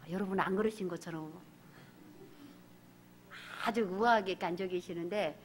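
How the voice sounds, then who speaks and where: A woman pastor delivering a sermon in an animated way, acting out characters and asking the congregation questions. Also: lowish voice, normal speed, a little hiss or hum.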